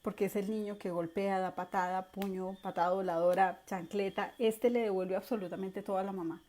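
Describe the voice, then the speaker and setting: A woman's voice: mid-range voice, steady tone, fairly quick, a little mellow. A woman teaching an online course, explaining and acting out quoted parents and children. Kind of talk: virtual class lecture.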